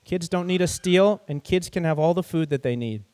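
A man doing a soft-spoken gentle man. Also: a little high, a little fast, no room sound, close to an everyday voice.

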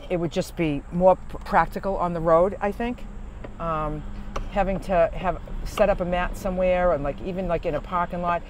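A man's voice: sits high, steady tone, normal speed, a little hiss or hum, poor audio. A man chatting casually to camera from his parked van at a rest stop, rambling with fillers and restarts. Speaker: van-life vlogger.

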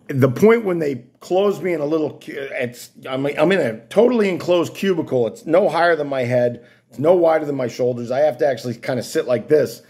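A man tells a casual story to the camera, rambling and wry, often restarting his sentences. His voice is gravelly and husky. His pitch moves around a lot as he talks. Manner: rambling, self-interrupting, wry. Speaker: vlogger.

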